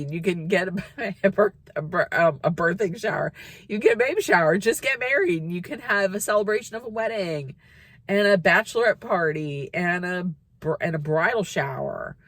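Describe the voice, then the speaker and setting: Chatty, excitable woman in her fifties. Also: fairly low pitch, no echo. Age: 50s. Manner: chatty and excitable, with squeals and laughs. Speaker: vlogger. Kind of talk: casual vlog chat to camera.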